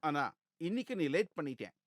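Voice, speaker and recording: A man's voice: on the high side, big pitch swings, fairly quick, dry recording, clean studio sound. A strict grumbling ex-military father. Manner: grumbling, lecturing, disciplined.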